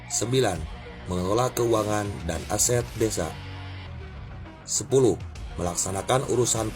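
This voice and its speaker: Guy with a low voice reading off numbered points, guitar music playing.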